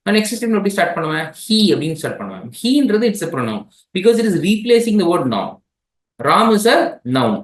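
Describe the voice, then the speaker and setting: A man's voice: high-pitched, very animated, measured pace, roomy sound, rough recording. A man teaching an exam-prep grammar lesson with a Tamil accent, switching between languages and often checking in with his students. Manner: mixes languages, checks in with "right?".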